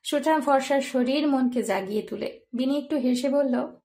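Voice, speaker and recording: A woman narrating a romance story in a soft, even storytelling voice. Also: high voice, moderate pace.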